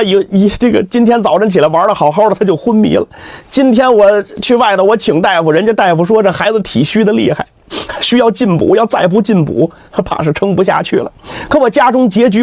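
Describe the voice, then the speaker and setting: A man's voice: sits high, darkish tone, no room sound. A man voicing a desperate poor father who pleads for his sick child, close to tears.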